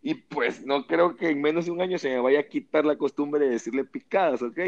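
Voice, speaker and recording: A man in his thirties from Veracruz with a Veracruz Mexican accent, chatting casually in a loud, slangy way and laughing often. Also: fairly high pitch, brisk, vocal fry, highs cut off. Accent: Veracruz Mexican Spanish. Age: 30s. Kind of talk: casual chat.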